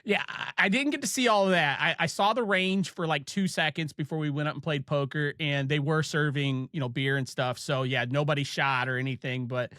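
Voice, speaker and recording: On a dry, studio-quality recording, a podcast host from Ohio speaks in a fairly high, sharp voice. He's a chatty storyteller in casual conversation, stumbling along with many fillers and restarts.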